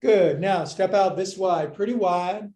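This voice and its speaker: A man's voice: high-pitched, unhurried, dark tone. A man teaching a live yoga class, cueing moves with playful jokes and counts. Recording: echoey room.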